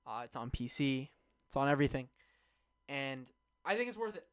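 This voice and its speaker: A man's voice: mid-range voice, animated, normal speed, smooth. A young man streaming, rambling enthusiastically through a casual game review, with many fillers and restarts. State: hiccuping.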